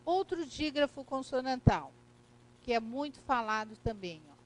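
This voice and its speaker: A woman's voice: high-pitched, lively intonation, normal speed, low-quality recording. A woman with a Brazilian Portuguese accent teaching a recorded grammar lesson, explaining step by step and checking in with "né?" and "correto?".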